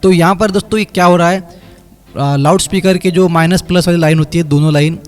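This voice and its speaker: A man explains a phone repair in a voice-over tutorial, going step by step and speaking to viewers as friends. He talks fast in a steady, high-side voice over quiet, light background music.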